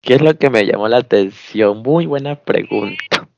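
A man in his twenties from Ecuador, answering a casual interview as guest in a relaxed, agreeable way with frequent short acknowledgements. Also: mid-range voice, moderate pace, gravelly, no echo, dull audio. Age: 20s.

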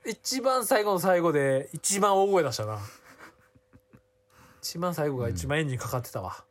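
A young man with a Kansai accent, co-hosting a comedy talk podcast and throwing back loud, exasperated retorts. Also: a little high, expressive, normal speed. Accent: Kansai Japanese. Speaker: podcast co-host. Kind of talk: casual comedy banter.

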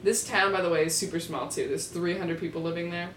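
A woman's voice: lowish voice, fast talker, a bit bright. A young woman co-hosting a podcast, telling a local legend in a joking, laid-back way. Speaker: podcast co-host. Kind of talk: casual chat, telling a legend. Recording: echoey, distant mic with hiss.

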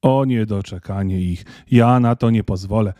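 A man voicing a quick, bossy, caring young female elf in a storybook reading, with a brisk, fussing manner. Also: lowish voice, dark tone, no room sound, close to an everyday voice. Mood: indignant.

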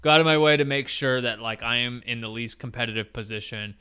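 A man's voice: medium pitch, quick pace, bright, forceful tone, smooth. A man hosting a casual sports chat about a fantasy league, talking informally. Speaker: host and league commissioner.

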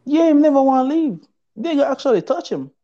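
Jamaican dude telling a wild story, swearing a lot, mellow low-toned voice, muffled audio. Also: male voice, brisk. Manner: profane, animated patois storytelling with acted-out quotes. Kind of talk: casual storytelling chat.

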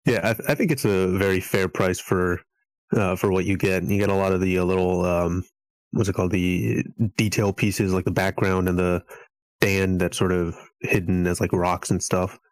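A man's voice: low voice, fairly even intonation, moderate pace, no echo, low-quality recording. A man, a podcast guest, chatting casually in a hesitant, meandering way.

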